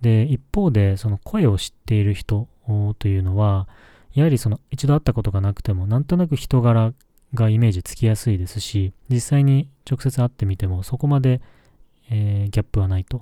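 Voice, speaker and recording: A man's voice: on the low side, fairly quick, dark tone, no echo, studio quality. A man hosting his own solo podcast, speaking politely and with many hesitant fillers. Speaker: podcast host.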